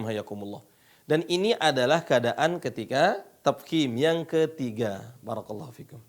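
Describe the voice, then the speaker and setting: A man teaching Quran recitation, patiently repeating each phrase and drawing out the model readings for his students. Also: on the high side. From Indonesia.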